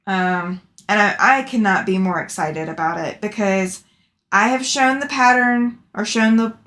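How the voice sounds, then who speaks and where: A woman's voice: medium pitch, unhurried, a bit bright. Chatty woman hosting a livestream. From Alabama, southern US. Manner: chatty, affectionate with viewers, laughs often. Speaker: sewing livestream host. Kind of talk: casual chat, reading out and answering live comments.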